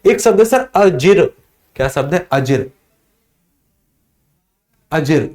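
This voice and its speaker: A man teaches Hindi in a live online class, posing questions and answering them himself, often calling his students sir and reading out chat comments. His fairly high voice is expressive and darkish in tone, and he takes it slowly.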